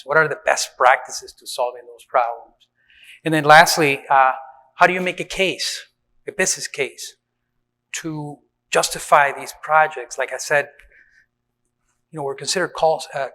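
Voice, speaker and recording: A man's voice: fairly high pitch, sharp tone. Venezuelan-born man speaking in a reverberant hall. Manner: conversational, with frequent fillers and restarts. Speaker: conference speaker on building maintenance. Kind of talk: conference talk.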